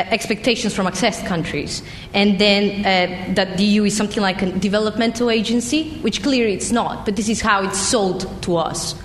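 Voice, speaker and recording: A woman from Bulgaria, speaking from the floor at a panel in an earnest, pressing way with hesitant restarts. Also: mid-range voice. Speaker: audience member. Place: large hall. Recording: echoey hall, faint background noise.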